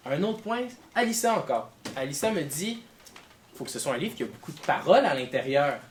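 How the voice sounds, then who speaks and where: A man's voice: a little high, a little fast, slight background noise. A man teaching a class of children, asking them questions as he goes. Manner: lively, questioning pupils.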